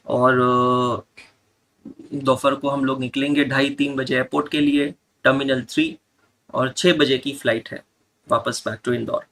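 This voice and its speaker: A man's voice: mid-range voice, sharp tone. A man teaching a live online class, joking and bantering with students as he mixes Hindi and English.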